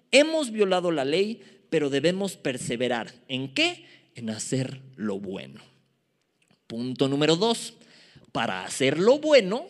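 A Mexican man delivers a sermon in a notably high-pitched voice. He speaks informally, teases himself, and keeps turning to the congregation with rhetorical questions. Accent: Mexican Spanish. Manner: informal and self-deprecating. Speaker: preacher.

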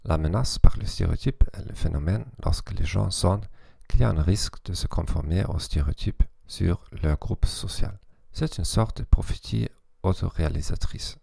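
A man from Germany, a native German speaker, hosting a scripted educational podcast in halting, stilted non-native French with a German accent. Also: deep voice, gravelly, dark tone, husky, no room sound. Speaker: podcast host.

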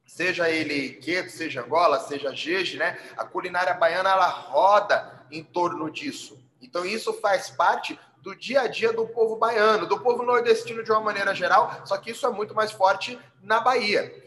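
A man's voice: high voice, steady tone, normal speed, few pauses, pushed and bright, slight background noise. A man explaining things in casual talk, with frequent tag questions and repeated words, and acting out quoted calls in a raised voice. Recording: roomy echo.

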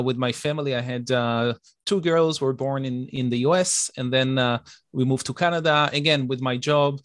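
A man's voice: mid-range voice, no room sound. Middle-aged Israeli-born man, dry sound. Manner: steady, thoughtful, with frequent uh fillers. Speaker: guest author. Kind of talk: interview answers.

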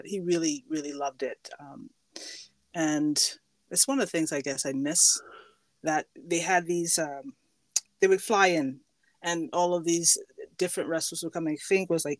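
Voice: medium pitch, dry recording. A middle-aged podcast host from the Bahamas, chatting and laughing easily while asking questions. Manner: chatty and warm, with frequent fillers and laughs. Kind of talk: casual interview.

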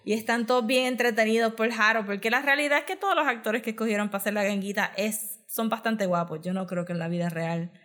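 Bright-voiced chatty woman. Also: a little high, fast talker, few pauses. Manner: chatty, mixes in English words, frequent fillers and laughs. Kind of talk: casual chat, film recap.

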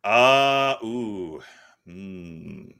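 A young man on a casual podcast, talking in halting bursts with frequent restarts. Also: on the low side, animated, creaky, bright, forceful tone, clear, resonant tone. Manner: halting, many restarts and nitpicks. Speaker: podcast co-host. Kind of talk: casual chat.

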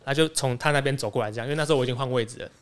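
Rapid-talking young man. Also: medium pitch, clear, resonant tone. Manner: animated, rapid storytelling with quick restarts. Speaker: podcast co-host. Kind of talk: casual chat storytelling.

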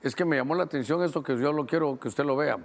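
A middle-aged man from Guatemala, a pastor preaching a Bible-study sermon who slows to read verses aloud and speeds through asides to his helpers. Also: a little high, vocal fry. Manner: teaching, directing helpers to show verses on screen.

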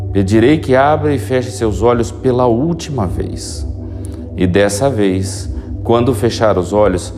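A man leads a guided hypnosis relaxation with slow, soothing instructions, like a sleep story narrator. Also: lowish voice. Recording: music behind the voice. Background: prominent music.

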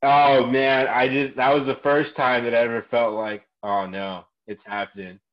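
In a relaxed conversation, a gym coach in his twenties who is a guest spins an animated story, performing how people reacted along the way. He speaks in a mid-range voice at a normal speed, captured with lo-fi sound.

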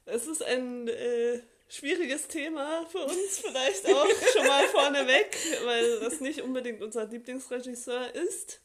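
A young adult woman co-hosting a casual podcast, talking in a relaxed, chatty way with lots of fillers. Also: high-pitched, unhurried, hardly any pauses, over a noisy crowd. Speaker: podcast co-host.

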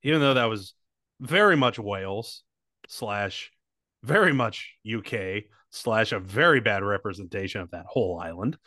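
A man's voice: lowish voice, expressive, normal speed, pushed and bright, no echo, clean studio sound. A man co-hosting a comedy podcast, swearing freely and riffing on silly bits in casual banter. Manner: joking, crude, riffs with silly bits. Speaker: podcast co-host.

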